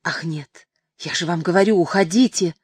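A woman's voice: on the low side, normal speed, dry recording, natural voice. A woman reading the part of a distressed, indignant noblewoman full of reproach. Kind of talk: audiobook reading.

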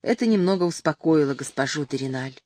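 A woman narrating a classic novel in a measured, literary way. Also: low voice, animated, dark tone, no room sound, studio quality.

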